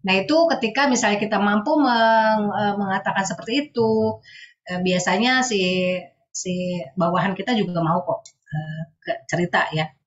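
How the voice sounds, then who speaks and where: Woman teaching over a video call, mid pitch, kinda muffled lo-fi sound, keeps adding little tag words. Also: moderate pace. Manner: explanatory, sprinkles speech with soft tag phrases. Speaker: guest speaker on counseling. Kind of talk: webinar talk.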